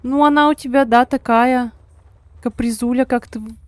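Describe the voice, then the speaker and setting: Female live streamer, higher-pitched, casual chatty delivery, reacting to gameplay. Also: steady tone, normal speed, clean tone, dry recording. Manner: informal, chatty, reacting as she plays. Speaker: game streamer. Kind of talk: casual live-stream chat while gaming.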